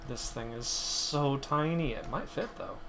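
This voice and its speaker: A man's voice: mid-range voice, a little slow, creaky, a bit bright, slight background noise. A man streaming his 3D design work, chatting casually and muttering to himself as he models. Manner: thinks aloud, muttering at his own work. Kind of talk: casual chat while modeling.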